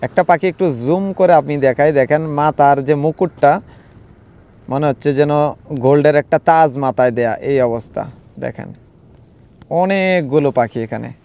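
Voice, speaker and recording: A man narrating a casual travel vlog outdoors from a safari vehicle, excited and sometimes hushed while he films wildlife. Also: fairly high pitch, a little fast, smooth, dull audio. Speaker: travel vlogger.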